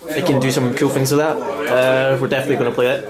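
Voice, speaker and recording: A man hosting a casual walkthrough in a busy game store at a midnight event, talking in a halting, stop-start way. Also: medium pitch, steady tone. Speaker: host opening card packs. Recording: echoey room with crowd chatter.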